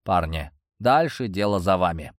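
A man voicing a young heir who speaks calmly in an icy, mocking tone. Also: deep voice, normal speed, no echo, clean studio sound, voice pushed down. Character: young male heir, cold, predatory, self-assured.

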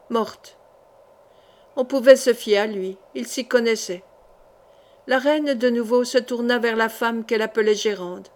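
A woman narrates an audiobook in a steady, measured reading voice. Her pitch sits somewhat high. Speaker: audiobook reader. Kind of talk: scripted narration of a novel.

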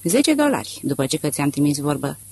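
A man's voice: on the high side, very animated, vocal fry, a little hiss or hum. A man doing a curt, suspicious farmer. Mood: grudging haggle. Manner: curt, grudging, haggling.

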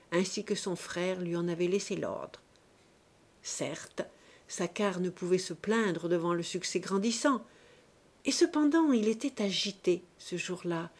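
A woman reading a classic novel aloud with a measured, expressive narration. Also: medium pitch. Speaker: audiobook narrator. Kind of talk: scripted literary narration.

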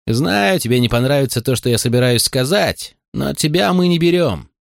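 A man voicing a firm, level-headed frontier sheriff who calms others, in a story reading. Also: mid-range voice, moderate pace, gravelly, dry recording, studio quality, voice pushed up. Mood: firm steady. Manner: firm, calming.

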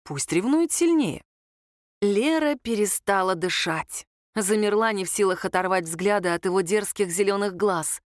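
An expressive woman with a mid-range voice narrates an audiobook at normal speed. The recording is dry, with clean studio sound.

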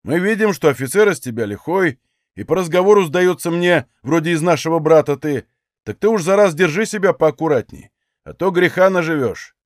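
A man voicing a burly, calm older Cossack who speaks in folksy dialect with an unhurried warning tone in an audiobook. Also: on the high side, no echo, clean studio sound, lightly acted. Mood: reasoning.

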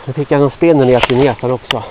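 An older Swedish man rambles on to himself as he trudges through the woods, gruff and chatty, a bit winded and sweaty. His voice sits at an ordinary middle pitch. The handheld outdoor recording sounds dull and lo-fi. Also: fairly even intonation, background noise. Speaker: vlogger. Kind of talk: rambling walk-and-talk monologue. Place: outdoors in a forest.

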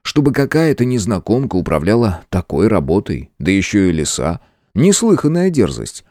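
A man narrating a fantasy novel in the first person, with a lively, expressive reading. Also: lowish voice, normal speed, no room sound, studio quality. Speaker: audiobook narrator.

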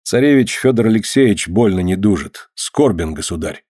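A man's voice: lowish voice, expressive, moderate pace, mellow, husky, dry recording, clean studio sound. A man reading the part of a proud old-Russian boyar in an audiobook, speaking in a grave, archaic, indignant way. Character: proud, angry middle-aged old-Russian boyar lord.

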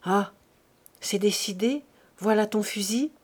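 A woman reading aloud voices a lively teenage girl in a storybook, quick and breathless. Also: medium pitch. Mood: grave. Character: eager, playful teenage girl.

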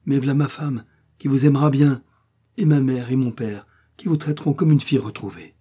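A man's voice: medium pitch, normal speed, mellow, husky, pitched above the performer's own voice, close to an everyday voice. A man reading aloud as a humble young farmer who apologizes earnestly. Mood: apologetic.

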